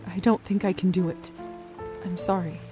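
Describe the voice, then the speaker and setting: An actress playing a hesitant, earnest newly turned female vampire in a video game, soft-spoken and tentative. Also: fairly low pitch, fairly even intonation, moderate pace, music in the background, close to an everyday voice. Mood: hesitant, subdued. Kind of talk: scripted game dialogue.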